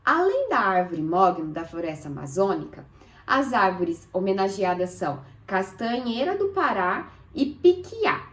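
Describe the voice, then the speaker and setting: A Brazilian woman teaching a lesson for children, speaking slowly and drawing words out syllable by syllable while asking her pupils questions. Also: mid-range voice, big pitch swings. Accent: Brazilian Portuguese.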